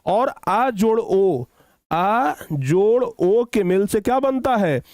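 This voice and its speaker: A man teaching children a grammar lesson, repeating phrases slowly for dictation and often checking whether they have understood. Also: high-pitched, lively intonation, a little mellow, no echo, studio quality. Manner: slow, repetitive dictation, drawing out words; addresses students affectionately, checks understanding often.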